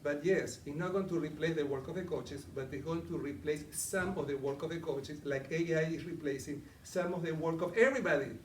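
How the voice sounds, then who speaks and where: A coaching presenter, a middle-aged Argentinian, holds a live interactive presentation, chatting with the room and questioning listeners. His slightly high voice is fairly quick with hardly any pauses, heard from afar in an echoey meeting room with faint ambience and a little hiss or hum.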